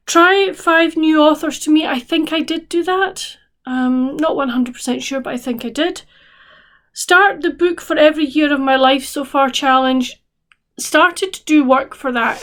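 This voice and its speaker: A woman's voice: high-pitched, a bit bright. A woman chatting casually as a book vlogger, rambling with restarts and fillers, sounding tired. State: tired, yawning. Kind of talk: casual chat to camera.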